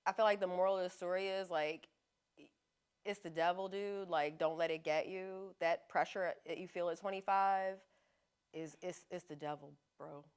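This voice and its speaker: A woman in her thirties chats as a podcast guest, relaxed, frank and full of slang. Her voice sits a little low and comes through smooth and clear. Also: moderate pace. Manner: laid-back, slangy and frank, laughs often. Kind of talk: casual chat.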